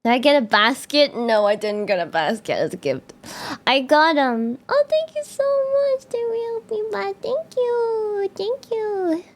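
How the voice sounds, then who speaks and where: Young woman streamer, high voice all over the place, slow gravelly talk, lots of swearing. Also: a little hiss or hum. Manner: excitable, swears a lot, laughs often. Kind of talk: casual live-stream chat.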